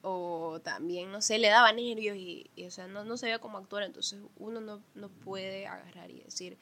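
A woman, a podcast guest chatting casually and telling animated stories about her family. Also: medium pitch, moderate pace, vocal fry, slight background noise. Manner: animated storyteller who acts out family members' voices. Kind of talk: casual conversation.

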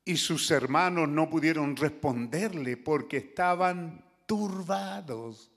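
A man's voice: on the high side, lively intonation, takes it slowly, creaky, fairly bright tone, in a large hall. A man preaching a dramatic sermon, calling out to the congregation in the pews. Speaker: pastor. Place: church.

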